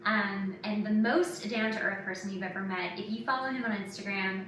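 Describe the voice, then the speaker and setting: A podcast host and author chats casually and conversationally, with lots of fillers, in a steady, medium-pitched voice at a moderate pace. The recording is very echoey and clearly noisy, with the mic set at a distance.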